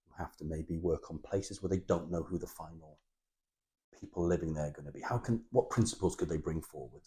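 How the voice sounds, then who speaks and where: Speaking fairly quickly in an extremely low, dark voice, a man puts open questions to an architect. His manner is admiring and encouraging, peppered with frequent brief affirmations.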